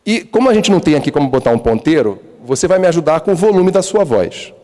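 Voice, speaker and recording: A man's voice: on the high side, expressive, fast talker, mellow. A man with a Brazilian Portuguese accent preaching a dramatic sermon as a guest preacher, drawing the congregation into call and response. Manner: dramatic, mocks hypocrites in put-on voices, asks the crowd questions. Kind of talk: lively sermon with audience participation. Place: large church sanctuary. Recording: long hall reverb of a church.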